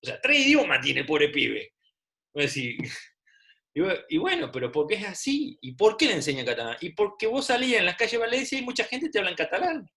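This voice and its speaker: A man's voice: sits high, big pitch swings, fairly quick, creaky, bright, forceful tone. A middle-aged man with an Argentine Rioplatense accent teaching a class over a video call, chatty and full of rhetorical questions. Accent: Rioplatense Spanish. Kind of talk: online class lecture.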